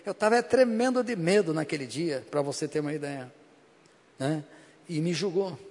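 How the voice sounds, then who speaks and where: High-voiced Brazilian pastor in an echoing church. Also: male voice, normal speed, darkish tone. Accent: Brazilian Portuguese. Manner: emphatic, repeats phrases, keeps asking the congregation "Amém?". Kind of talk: sermon with personal testimony. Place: church before a congregation. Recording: long reverb of a church hall.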